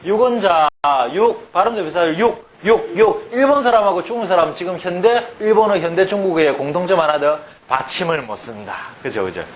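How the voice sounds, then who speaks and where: A man teaching a language class, lively and drilling words by repeating them with rhetorical questions. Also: sits high, a little fast, hardly any pauses. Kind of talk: classroom lecture. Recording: dull lo-fi sound, faint background noise.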